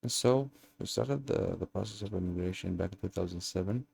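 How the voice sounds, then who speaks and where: A young man from Algeria telling his own story in a casual monologue, pausing often and hunting for words. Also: deep voice, gravelly, darkish tone, breathy edge. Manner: hesitant, searching for words with many fillers. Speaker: channel host.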